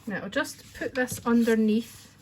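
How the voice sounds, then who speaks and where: Against a noisy background, a Scottish woman talks through making a card at her craft desk, unhurried and fairly high-pitched. Her manner is friendly, chatty and rambling, and "wee" comes up often.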